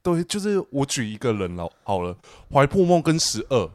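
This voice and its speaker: A man with a Taiwanese Mandarin accent, chatting casually as a podcast co-host. His pitch jumps around as he teases and complains, climbing high when he jokes. The sound is dry and close, with no room around it. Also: big pitch swings, moderate pace, a little mellow, dry recording. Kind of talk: casual chat.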